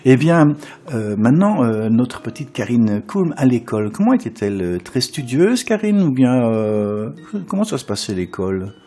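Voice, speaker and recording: Radio host, male. Mellow, husky timbre, halting conversational questions. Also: mid-range voice, big pitch swings. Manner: hesitant, drawn-out questions, echoes answers.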